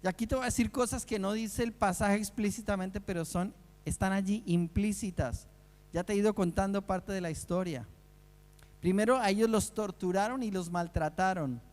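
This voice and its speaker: A man with a high voice preaches a sermon, earnest and searching, full of rhetorical questions for his listeners. His voice rings out with a long reverb trailing after it. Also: moderate pace, a little mellow.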